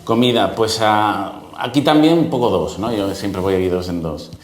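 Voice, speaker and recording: A man's voice: lowish voice, normal speed, echoey room, a little hiss or hum. A middle-aged man from Spain, a guest speaking easygoingly with many hesitations in a casual interview. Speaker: guest, security executive.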